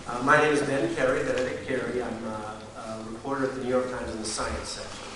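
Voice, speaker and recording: A man giving a wry, halting memorial speech full of anecdotes, often pausing to clear his throat. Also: medium pitch. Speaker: eulogy speaker, science reporter. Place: community hall memorial gathering. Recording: echoey hall, distant mic, hiss.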